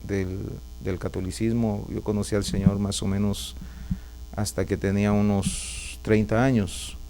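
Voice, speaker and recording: Low, dark, and gravelly with noticeable fry, this middle-aged Guatemalan-accented man speaks unhurriedly in a level tone. As a pastor and prophet guesting in a relaxed testimony interview, he's chatty and keeps adding a questioning "right?", with a faint mains hum behind him.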